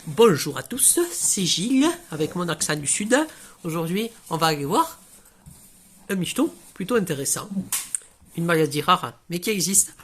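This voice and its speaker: A woman's voice: mid-range voice, fairly quick, fairly bright tone, slight background noise, close to an everyday voice. A woman playing a TV street reporter in an amateur comedy sketch, stumbling through questions with many fillers. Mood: interviewing. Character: TV street reporter with a southern accent.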